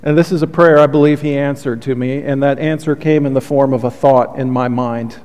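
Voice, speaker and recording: In a clean, steady, medium-pitched voice, a pastor preaches briskly. His tone is soothing, his manner earnest and heartfelt, and he weaves in soft confessional asides; the hall reverb is long.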